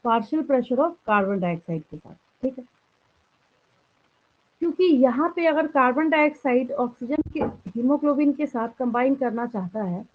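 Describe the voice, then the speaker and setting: A fairly high-voiced woman with an Indian accent lectures a class on biology, switching between Hindi and English. She puts questions to the students and answers them herself. The sound is thin and tinny, like a phone line. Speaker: biology teacher.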